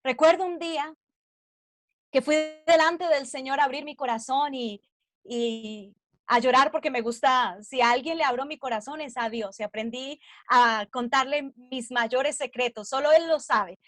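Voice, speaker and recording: A woman with a high voice teaches a devotional message to women. She speaks earnestly and weaves in her own testimony. She asks her listeners questions, and the recording is dry and close. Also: a little slow, a bit bright, no echo. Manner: earnest, personal testimony woven into preaching. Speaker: preacher.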